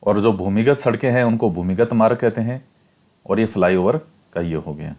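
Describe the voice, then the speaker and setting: A male teacher talks through a textbook chapter at a measured, even pace. He reads a line, then explains it again in plainer words and repeats key points so students can remember them. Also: on the low side. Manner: explains step by step, repeats key facts for exam prep. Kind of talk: classroom lecture reading and explaining a textbook.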